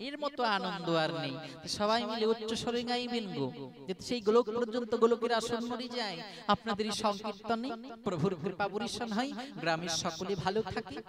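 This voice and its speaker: A man with a West Bengal Bengali accent preaches to a village gathering, moving between storytelling, direct appeals to his listeners and chanted kirtan. His voice sits high for a man. A large crowd murmurs behind him. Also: a little fast. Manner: storytelling, addressing the crowd, breaking into song. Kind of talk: devotional sermon with chanted kirtan. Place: outdoor village religious gathering.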